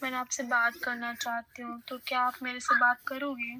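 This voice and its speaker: A woman's voice: on the high side, flat delivery, normal speed, crowd noise. A woman's voice run through a voice changer, coaxing and flirty on a prank phone call. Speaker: prank caller.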